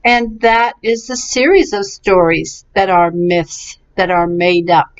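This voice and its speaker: This woman has a lowish, steady voice and takes her time, sounding out English words syllable by syllable in a patient, encouraging vocabulary and pronunciation lesson. The webcam recording is a bit dull and lo-fi, and her delivery stays slow and crisp.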